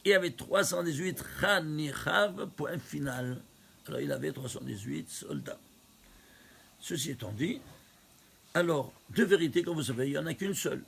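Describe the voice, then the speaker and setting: A man's voice: on the high side, lively intonation, moderate pace, gravelly, a bit bright, a little hiss or hum. A rabbi teaching a Torah class, counting out numbers step by step and putting questions to his listeners. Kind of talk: lively recorded Torah lesson.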